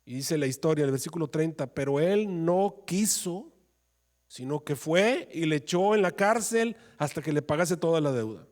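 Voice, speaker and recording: Impassioned preaching man, higher voice. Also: expressive, normal speed, darkish tone. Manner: preaching with sudden rises into pleading, acted quotes of prayer. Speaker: pastor. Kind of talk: sermon.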